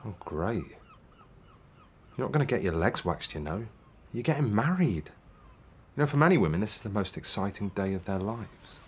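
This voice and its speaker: An actor playing a worried fiancé who nags anxiously and teases dryly. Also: male voice, fairly low pitch, sing-song, moderate pace, pauses often, husky. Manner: anxious, dry teasing. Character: worried, teasing young fiancé.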